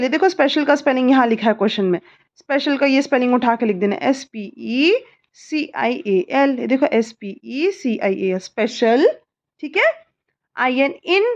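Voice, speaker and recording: A mother with an Indian accent tutoring her child through a homework lesson, spelling words letter by letter and repeating answers slowly. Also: high voice, dull audio.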